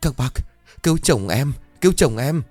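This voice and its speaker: A man's voice: mid-range voice, animated, fairly quick, a little mellow, no echo, pitched above the performer's own voice, natural voice. A grief-stricken village widow cries out and begs in a raised, swooping voice, as a male narrator puts her on. Her pleading rises and falls wildly. The voice sits dry and close, with faint music underneath. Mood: frantic pleading. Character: grieving, hysterical village widow, middle-aged woman.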